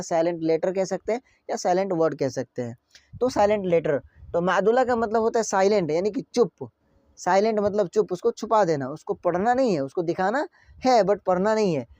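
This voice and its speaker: A man's voice: high voice, a little mellow, no echo, dull audio. A man teaching an online grammar lesson, stretching out example words and asking his students questions again and again.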